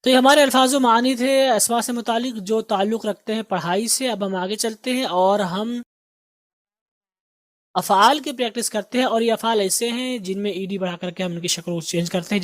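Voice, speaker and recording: Male English tutor, Indian Urdu accent, steady repetition drills, dry close recording. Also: sits high, no echo. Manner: drills words with slow repeated pronunciation. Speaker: English teacher. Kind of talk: recorded lesson.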